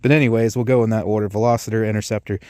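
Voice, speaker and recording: A man's voice: lowish voice, fairly even intonation, racing, a little mellow, clean tone, no echo. A man hosting a video, explaining products in a casual, rambling, informal way. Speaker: host of an ammunition test channel. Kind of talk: casual product-test commentary.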